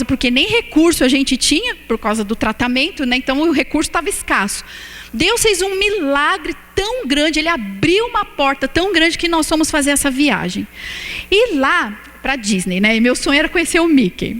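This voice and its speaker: A woman in her thirties preaching a sermon as pastor, telling stories with feeling and slowing down for emphasis. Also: high-pitched, a bit bright. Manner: emotional storytelling, slows for emphasis. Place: church hall. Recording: reverberant church hall.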